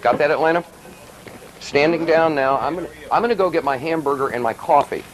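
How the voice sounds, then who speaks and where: A man's voice: on the high side, a little fast. A man, a TV correspondent, clowning to camera off air in the joking manner of a parody news anchor. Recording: noisy location news feed.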